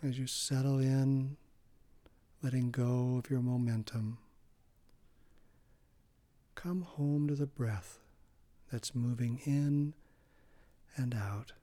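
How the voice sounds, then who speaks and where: A man leading a guided meditation in a calm, gentle way, his phrases often trailing off into a soft breathy hush. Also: medium pitch, slow pace, long pauses, no echo.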